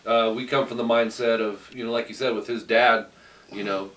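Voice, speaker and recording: A man's voice: mid-range voice, fairly even intonation, moderate pace, fairly bright tone, distant mic. A man hosting a casual interview, friendly and encouraging toward his guest. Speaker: interview host, guitar teacher. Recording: echoey room, voice from off mic, faint noise.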